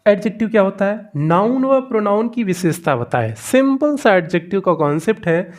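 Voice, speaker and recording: High-voiced teacher asking and answering his own questions. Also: animated, moderate pace. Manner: asks the class questions and answers them himself, repeating key words. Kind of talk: online grammar lesson.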